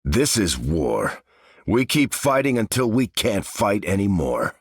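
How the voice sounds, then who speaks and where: An actor with an American accent playing a noble, steadfast veteran super-soldier in a video game, speaking with earnest, measured authority. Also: male voice, fairly low pitch, big pitch swings, husky, dry recording, studio quality, full character voice. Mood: resolute. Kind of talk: video game character voice lines.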